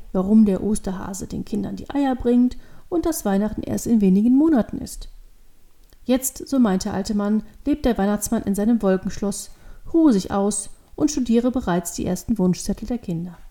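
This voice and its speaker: A woman narrating a children's storybook in a measured, expressive way. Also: medium pitch.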